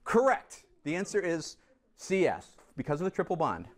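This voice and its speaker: A man's voice: on the high side, normal speed. A man teaching a chemistry class, coaxing and teasing students as he goes over review problems. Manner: lively, teasing, coaxes students to answer. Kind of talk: classroom lesson.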